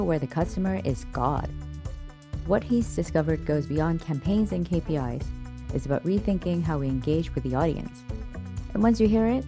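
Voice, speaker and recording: A woman hosting a podcast, reading a scripted intro and then interviewing a guest in a friendly, inviting way. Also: sits low. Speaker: podcast host.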